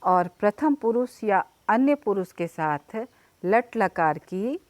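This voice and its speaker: A woman's voice: mid-range voice, expressive, darkish tone, dry recording. A woman teacher giving a children's Sanskrit lesson, repeating words and their meanings one by one for the class to copy. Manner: slow repeated word-by-word pronunciation drills.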